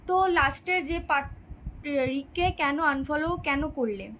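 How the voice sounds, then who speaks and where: A woman's voice: high-pitched, measured pace, fairly bright tone, slight background noise, low-quality recording. A sixteen-year-old girl chatting on a live stream, reading out viewers' comments and answering their questions. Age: teenager, 16. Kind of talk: casual live-stream chat.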